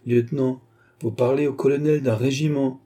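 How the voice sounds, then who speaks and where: A man with a husky voice reading a bold, commanding young prince in a period novel audiobook. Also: medium pitch, fairly even intonation, normal speed, warm tone, pitched above the performer's own voice, close to an everyday voice. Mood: haughty.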